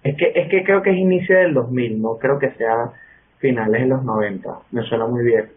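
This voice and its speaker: A man's voice: mid-range voice, moderate pace, slightly rough. Opinionated man, phone-thin audio. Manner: opinionated, relaxed and personal. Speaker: podcast co-host. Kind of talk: casual podcast chat. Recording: tinny online call audio.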